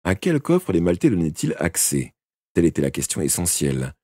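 A man narrating a detective audiobook live, expressive and now and then stumbling and correcting himself. His voice is low and husky, with a lively, rising and falling delivery. The sound is dry and close to the mic. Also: fairly quick, no room sound. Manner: expressive first-person narration with occasional slips and self-corrections. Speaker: audiobook reader. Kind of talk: live unedited audiobook reading.

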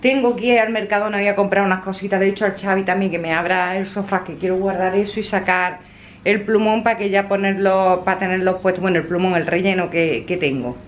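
A woman's voice: medium pitch, fairly even intonation, fast. Woman in her fifties, home vlog, chatty, affectionate, rambling, faint room noise. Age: 50s. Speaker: vlogger. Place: at home, indoors.

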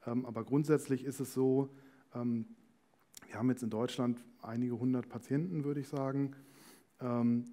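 A company managing director, appearing as a talk guest, explains things in an on-stage interview with a medium-pitched, dark-toned voice. He's on a small indoor stage facing a talk-show panel, wearing a headset mic.

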